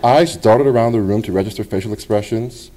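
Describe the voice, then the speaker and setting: There's slight background noise as a middle-aged man reads his personal essay aloud at a public library. His voice is on the low side, and his reading is measured and expressive with pauses.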